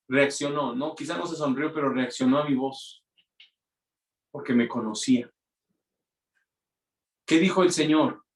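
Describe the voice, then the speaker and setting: A man's voice: on the high side, recorded from a distance. A man preaching a conversational sermon as pastor, often acting out quoted voices. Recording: roomy echo, mic from afar.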